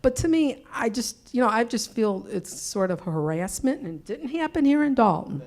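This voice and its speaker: A woman's voice: fairly high pitch, very animated, moderate pace, darkish tone. An older woman in the audience telling a personal story at a public meeting, flustered and rambling with many restarts. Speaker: audience member.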